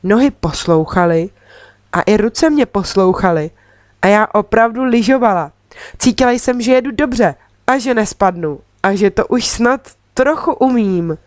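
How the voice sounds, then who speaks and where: A woman narrating a children's story in the first person, with lively, expressive delivery. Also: medium pitch, no room sound, clean studio sound. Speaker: audiobook reader.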